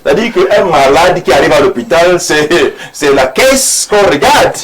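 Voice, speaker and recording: A man's voice: on the high side, lively intonation, normal speed, rough recording. A man, an imam speaking earnestly and preachily in a studio debate, repeating phrases for emphasis. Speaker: imam, panel guest.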